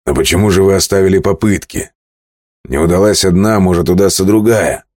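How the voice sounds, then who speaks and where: A boastful ship captain booms out his brave words with a loud swagger, as a male reader plays him. His voice is pushed above the reader's very deep register, raised and forceful. The recording is close and dry. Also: a little fast, no echo, close to an everyday voice. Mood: scoffing.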